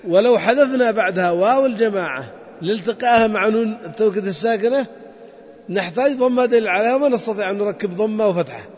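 A man teaches grammar at a quick pace in a high voice, methodically going back over points and quizzing students. The recording is lo-fi and dull, set in a reverberant hall.

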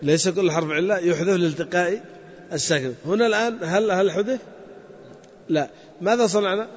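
High-voiced man teaching in an echoey hall. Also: a little fast. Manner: methodical, repeats points and quizzes students. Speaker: grammar teacher. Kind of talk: classroom grammar lesson. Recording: dull lo-fi sound in a reverberant hall.

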